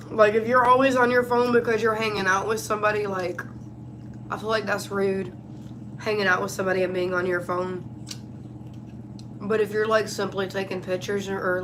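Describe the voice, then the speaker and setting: Casting: woman, mid-pitched, tired, casual livestream Q&A delivered while eating, mouth sometimes full. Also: noisy background. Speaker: live streamer.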